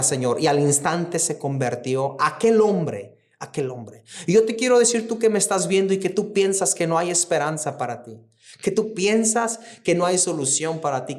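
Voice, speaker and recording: A man preaching a sermon as co-pastor, fervent, repeating phrases and slowing down to stress quoted words. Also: on the high side, darkish tone.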